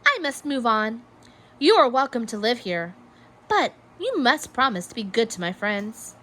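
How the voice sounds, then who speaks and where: An earnest and gentle little hermit crab from a children's storybook, as a woman reads it aloud. The voice is high and very swoopy, polite and sweetly emphatic. There is noticeable noise in the recording. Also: sing-song, a little slow, heavily acted. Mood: wistful, earnest.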